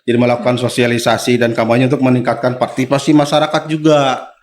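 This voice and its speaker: A man in his forties, a guest official on a podcast, explaining things step by step in a relaxed way and often agreeing with short replies. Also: mid-range voice, quick pace. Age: 40s. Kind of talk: casual podcast conversation.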